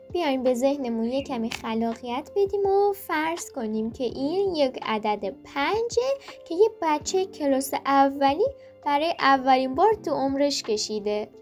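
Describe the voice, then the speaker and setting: A woman teaching a language lesson in a playful, scripted way, slowly drilling sounds with repetitions. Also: high-pitched. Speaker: Japanese teacher.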